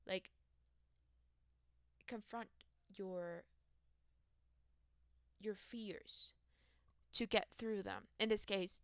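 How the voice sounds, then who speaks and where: A woman's voice: lowish voice, sharp tone, smooth, dry recording, studio quality. A young adult woman in a rambling, profane, self-mocking casual rant about her work. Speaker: vlogger.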